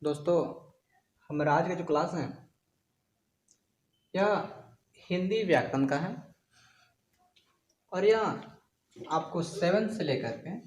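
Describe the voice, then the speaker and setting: A man with a high voice gives a grammar lesson, talking slowly and going back over each point. His voice rings a little in an echoey room. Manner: explains slowly, repeats definitions, addresses viewers as guys. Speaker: Hindi grammar teacher. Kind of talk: classroom-style video lesson.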